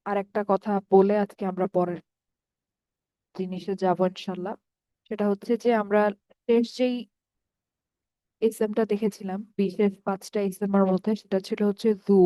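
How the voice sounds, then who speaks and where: Patient woman teaching grammar, mellow voice. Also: medium pitch, dry recording. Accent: Bangladeshi Bengali. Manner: patient, explains step by step, checks understanding. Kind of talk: online lesson.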